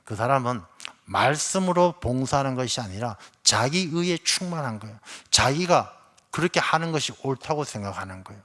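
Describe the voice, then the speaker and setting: A man's voice: mid-range voice, expressive, moderate pace, a bit bright. A man, a pastor, preaching a Sunday sermon and telling everyday stories with acted quotes of complaining people. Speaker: senior pastor.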